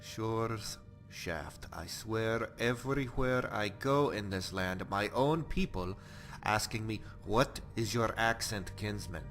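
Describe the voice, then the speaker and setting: An actor playing a blunt, bloodthirsty male Nord warrior exile in a game, talking about violence in a deadpan, matter-of-fact way. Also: on the low side, slow, soft background music. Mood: wry, boastful. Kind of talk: game character monologue.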